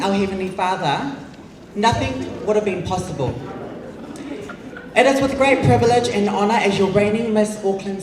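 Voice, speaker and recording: A woman giving a formal, measured thank-you speech as a reigning pageant titleholder. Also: medium pitch. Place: large event hall on stage. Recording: echoey hall PA from far off.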